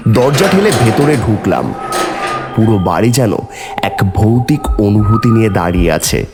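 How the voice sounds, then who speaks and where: A man with a lowish voice plays a brave, earnest young hero searching for his dead lover, narrating and voicing dialogue in a horror cartoon. His first-person storytelling is dramatic and earnest, with music playing behind him.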